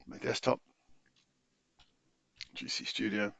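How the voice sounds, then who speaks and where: Very animated yet slow-paced, a tutorial presenter with a fairly low, creaky, slightly bright voice narrates an informal technical tutorial. The recording is dry, close-miked, and slightly muffled, and his delivery is hesitant and stop-start with frequent self-corrections.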